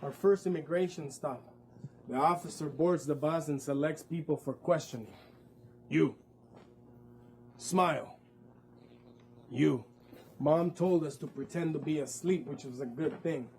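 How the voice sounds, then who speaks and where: A man's voice: fairly high pitch, normal speed, a little mellow, a little hiss or hum, low-quality recording. A man narrating his own story in a one-man stage show, vivid and with wry asides. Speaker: performer.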